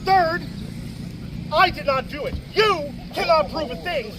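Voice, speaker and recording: A man's voice: measured pace, far from the mic. A man playing an indignant rebel king on trial in hammy, theatrical live faire acting. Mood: pompous defiance. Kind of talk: live faire stage performance. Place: outdoors at a medieval faire. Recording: noisy outdoor faire with traffic rumble.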